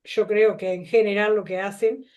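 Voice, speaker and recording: A woman's voice: medium pitch, fairly even intonation, normal speed, a little mellow, dull audio. Uruguayan woman, middle-aged, teacher educator, thoughtful, video call. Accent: Uruguayan Spanish. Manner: thoughtful, uses filler "este". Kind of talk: workshop discussion.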